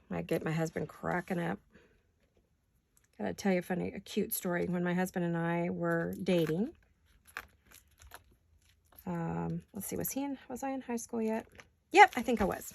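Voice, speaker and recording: Talking as she works, a middle-aged craft vlogger chats and rambles about her paper crafts in her home studio, joking at her own expense, with a gravelly voice of medium pitch.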